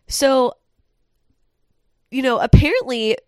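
A woman's voice: high voice, lively intonation, slow, a little mellow, smooth, dry recording. A woman co-hosting a chat show, reading articles aloud and adding informal, emphatic commentary. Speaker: podcast co-host.

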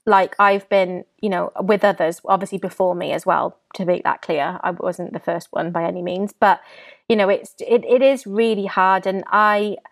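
A woman, talking candidly as an interview guest, halting and full of restarts, tearful at times. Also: medium pitch, fairly even intonation, creaky, dry recording.

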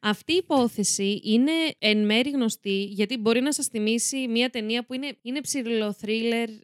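A woman's voice: fairly high pitch, clear, resonant tone. A young woman hosting a casual true crime podcast, chatty, laughing often and correcting herself as she goes. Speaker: podcast host.

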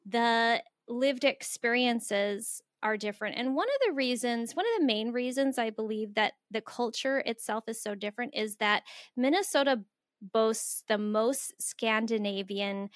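A woman's voice: on the high side, a little slow, no echo, clean studio sound. An American woman from the Southwest, a guest author on a podcast, speaking earnestly and laughing easily as she exhorts. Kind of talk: interview conversation.

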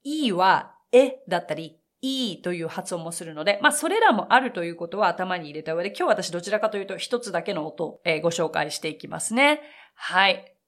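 A woman teaching English phonics, modelling each word slowly and drilling single letter sounds for the listener to repeat. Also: on the low side, animated, fairly bright tone. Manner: slow, exaggerated model words, crisp sounds.

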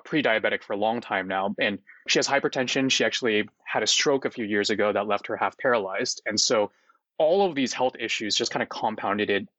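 A man of about thirty, a startup founder, talks in a relaxed, rambling way full of fillers, often laughing as a guest in an interview. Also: on the low side, no room sound, highs cut off. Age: 30s. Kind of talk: casual interview chat.

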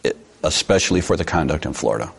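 A man's voice: rumbling low, expressive, quick pace, creaky, slightly rough. A man interviewed on the news as a former investigator, answering in a blunt, firm way.

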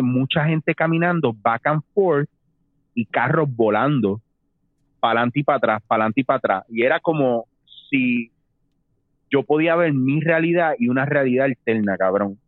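A man's voice: medium pitch, dry recording. Man telling a story, tinny. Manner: animated, mixes English phrases, acts out voices. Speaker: storyteller guest. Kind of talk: casual podcast storytelling. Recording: tinny phone-like dry sound.

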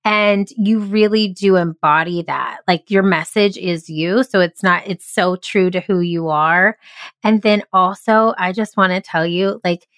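A woman's voice: fairly low pitch, unhurried, fairly bright tone, clear, resonant tone, no echo, studio quality. A woman hosting a podcast interview, talking in an effusive, enthusiastic, casual way. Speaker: podcast host.

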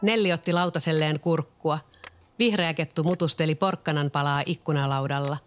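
A narrator reading a children's storybook aloud in a steady, clear manner. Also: medium pitch, soft background music.

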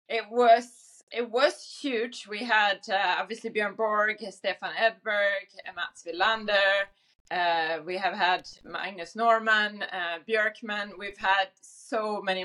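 A woman's voice: mid-range voice, fairly bright tone. A middle-aged woman from Sweden with a Swedish accent, talking casually as a guest in an interview, chatty and laughing easily with lots of fillers. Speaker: guest, tennis event director. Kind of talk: conversational interview answers.

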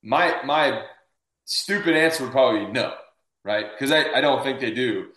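A man's voice: medium pitch, normal speed, fairly bright tone. A man giving casual sports analysis as a panelist, posing questions and answering them himself. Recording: echoey room sound.

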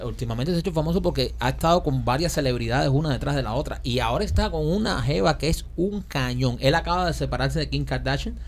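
A man's voice: mid-range voice, animated, fast talker, hardly any pauses. A man co-hosting a podcast who rambles through long joking setups in casual banter. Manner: rambling storyteller, piles on setups. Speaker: podcast co-host.

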